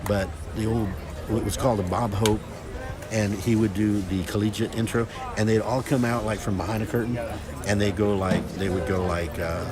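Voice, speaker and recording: Recorded on a phone camera at an outdoor football field, a middle-aged man livestreams a scrimmage, loud, talkative and joking amid crowd noise. His voice is on the low side, with fairly even intonation and normal speed.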